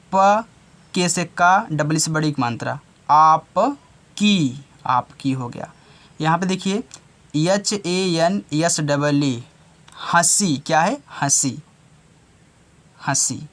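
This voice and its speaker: Brief: male video tutor, unhurried and deliberate, walks through each word letter by letter and quizzes his young pupils. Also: a little high. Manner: spells letters out one by one and repeats each word, checking back with the pupils. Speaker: online tutor. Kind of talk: spelling lesson for children.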